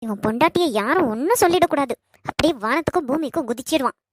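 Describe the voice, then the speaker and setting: A woman voicing a scolding older mother-in-law in an animated family drama, with a Kanyakumari Tamil accent. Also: high voice, quick pace, background noise. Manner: scolding, contemptuous. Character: scornful older mother-in-law, sharp-tongued.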